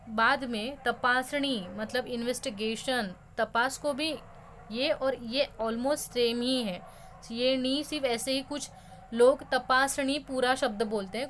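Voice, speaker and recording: A woman's voice: on the high side, a bit bright, a little hiss or hum. A young woman teaching a school lesson, explaining words patiently and slipping English terms into her talk.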